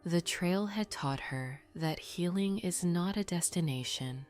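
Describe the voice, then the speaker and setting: Sleep story narrator: woman, low soft half-whisper, very unhurried, soothing bedtime delivery over music. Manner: soothing, unhurried, gently guiding listeners to rest. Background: background music.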